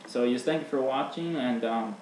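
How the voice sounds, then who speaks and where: A man's voice: medium pitch, moderate pace, darkish tone. A young man giving a casual, rambling opinion rant as a vlogger, blunt and full of fillers. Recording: echoey room with faint hiss.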